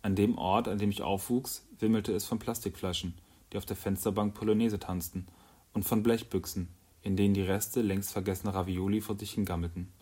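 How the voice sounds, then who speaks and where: A man reading a first-person story aloud in calm, even narration. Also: lowish voice, brisk, breathy edge. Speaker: audiobook narrator.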